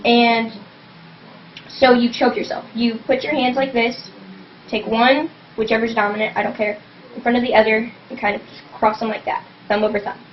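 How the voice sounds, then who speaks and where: Rambling girl with a slightly high voice. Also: little pitch movement, moderate pace. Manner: rambling, fills every phrase with "like". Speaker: vlogger teaching scream technique. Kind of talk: casual home tutorial. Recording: dull lo-fi webcam audio, faint hum.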